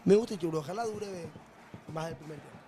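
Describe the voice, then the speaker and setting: A man's voice: a little high, fast, warm tone. A man chatting casually as a partisan football fan and co-host on a live stream.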